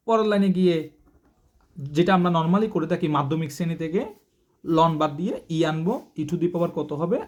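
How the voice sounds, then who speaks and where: A man's voice: a little high, a little mellow. A male math teacher speaking Bangladeshi Bengali, who gives a recorded lecture and keeps asking the class questions and answering them himself.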